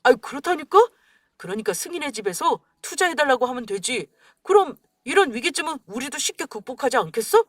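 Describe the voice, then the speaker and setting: A woman's voice: high-pitched, very animated, brisk, fairly bright tone, dry recording, studio quality, exaggerated voice. A woman playing a stammering, cowardly husband. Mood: eager. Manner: stammering, pleading. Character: weak, stammering grown son and husband. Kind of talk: dramatized story radio.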